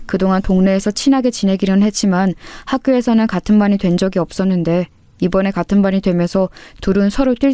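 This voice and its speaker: Woman, audiobook narrator, calm measured storytelling, dry close sound. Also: medium pitch, smooth, no echo.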